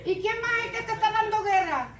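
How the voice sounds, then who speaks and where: A woman delivers a sermon in a very high, bright-edged voice, acting out stammers and little scenes. She sounds distant from the mic, with church echo and a faint hiss behind her. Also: brisk. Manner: animated, acts out stammering and scenes. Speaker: preacher. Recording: echoey church room, mic far off, faint noise.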